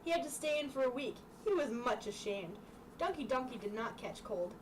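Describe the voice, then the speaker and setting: At storytime, a young woman reads a children's book informally in a voice on the high side, with lively intonation at normal speed. She drops in casual remarks and stumbles through the text, recorded on a distant mic amid clearly noisy room sound.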